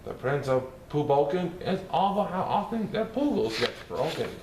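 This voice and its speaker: A man's voice: fairly high pitch, big pitch swings, moderate pace. A man doing the Cat in the Hat, bouncy. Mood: playful. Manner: sing-song, bouncy, swooping delivery. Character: playful mischievous male cartoon cat storyteller. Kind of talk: rhyming storybook reading. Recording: roomy echo, faint hiss.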